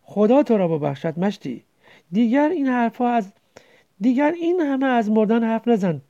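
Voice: mid-range voice, sing-song, mellow, dull audio. A reader voicing an anxious village wife. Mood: pleading. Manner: pleading, anxious. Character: worried poor village wife.

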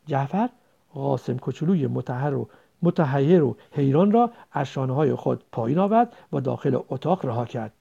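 Lively, gravelly audiobook narrator, mellow tone, lo-fi sound. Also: mid-range voice. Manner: expressive storytelling. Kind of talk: scripted novel narration. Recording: dull lo-fi recording.

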